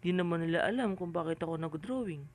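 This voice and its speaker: A man's voice: on the high side, animated, quick pace, rough recording. A man voicing a shy, tearful young boy who speaks politely and hesitantly in an audio drama. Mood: sad, hesitant. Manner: polite, hesitant, softly upset.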